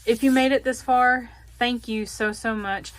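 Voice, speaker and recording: Chatty Southern woman with a slow drawl. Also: fairly high pitch, steady tone. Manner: chatty, laughs often, says "y'all". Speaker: budgeting vlogger. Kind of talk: casual direct-to-camera chat.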